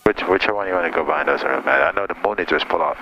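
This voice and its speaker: A man's voice: deep voice, racing, gravelly, sharp tone, muffled recording. A man coaching casually as a flight instructor inside a small cockpit. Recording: noisy cockpit intercom audio.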